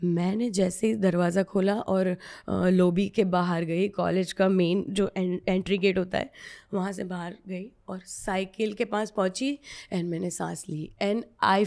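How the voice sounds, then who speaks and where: A woman's voice: medium pitch, darkish tone. A woman from Gujarat, a web series actress, earnestly telling a personal story in a podcast interview and mixing in English phrases.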